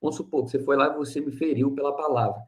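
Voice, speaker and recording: A man's voice: mid-range voice, steady tone, rapid-fire. A man giving a spiritist teaching talk in a conversational way, acting out little dialogues with a listener. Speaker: spiritist lecturer.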